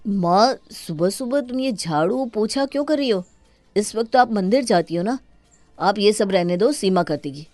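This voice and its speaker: A woman voicing a young husband and son who scolds his wife and protects his mother, in an animated story. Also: mid-range voice, normal speed, no echo, soft background music, close to an everyday voice. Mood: concerned.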